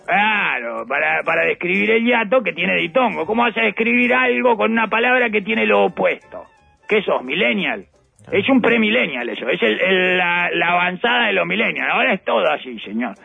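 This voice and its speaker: A man's voice: sits high, animated, brisk, creaky, no room sound, soft background music. A man with a Uruguayan accent giving satirical political commentary on the radio, ironic and rambling with playful asides. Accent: Uruguayan Spanish. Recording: dull lo-fi radio audio.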